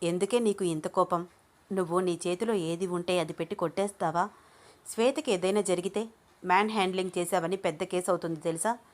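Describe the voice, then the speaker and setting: A woman's voice: on the low side, a little fast, close to an everyday voice. A woman voicing Abhiram, a bossy, protective young man who gives stern orders. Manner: stern, commanding.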